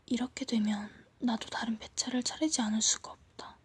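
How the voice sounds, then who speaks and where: A woman reads a story aloud for ASMR. She whispers as if leaning in close, soft and hushed. Her voice is almost all breath, with very little voiced tone. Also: fairly high pitch, steady tone, normal speed, breathy edge, dry recording. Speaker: ASMR reader.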